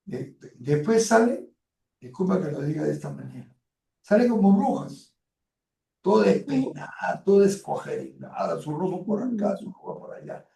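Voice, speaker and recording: A man's voice: sits high, animated, moderate pace, vocal fry, warm tone, echoey room, distant mic. A man giving an online university class. He stretches words out for emphasis, uses many fillers and speaks to his students in a direct, colloquial way. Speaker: university lecturer.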